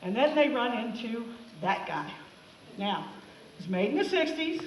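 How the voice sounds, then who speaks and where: Woman teacher, high voice, sarcastic and animated; far-off, roomy classroom sound. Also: measured pace, slight background noise. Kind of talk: comic classroom talk over film clips. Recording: echoey room, mic far off.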